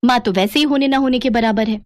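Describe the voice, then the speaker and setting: A woman's voice: a little high, fast talker, no echo, lightly acted. A woman voicing a complaining, cold-hearted aunt in a cartoon story. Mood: grudging.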